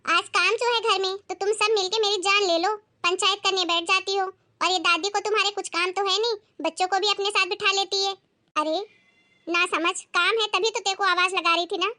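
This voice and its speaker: Give me a bossy, sarcastic daughter-in-law, acted by a woman with a very high, bright voice. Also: fairly even intonation, brisk. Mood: scolding. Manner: scolding, sharp and sarcastic. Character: bossy, short-tempered housewife and daughter-in-law. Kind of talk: comedy family skit.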